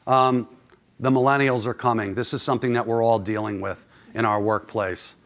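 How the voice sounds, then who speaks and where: A man's voice: medium pitch, fairly even intonation, normal speed, fairly bright tone. A man presenting informally to an audience as a conference speaker, conversational and often posing questions to listeners. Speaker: conference speaker, club manager.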